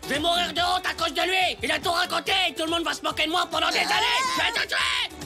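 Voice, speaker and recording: A woman voicing a cheeky, hotheaded ten-year-old boy who whines and yells dramatically. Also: on the high side, expressive, normal speed, natural voice. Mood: furious. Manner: whiny and dramatic, often yelling. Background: cartoon music.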